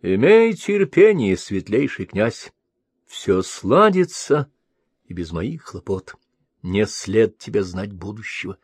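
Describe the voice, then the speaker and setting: A male reader voicing a gentle, wise three-eyed female spirit seer who soothes and prophesies. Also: on the low side, big pitch swings, slow pace, breathy edge, no echo, studio quality, heavily acted. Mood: soothing.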